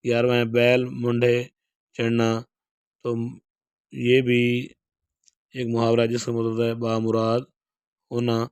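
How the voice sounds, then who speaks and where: Here a man from Pakistan, an Urdu lecturer, teaches exam prep by going over a model paper: he reads a question, then explains the answer in a steady way. His voice is medium in pitch, clear and resonant, with frequent pauses, captured in a clean studio with no room sound.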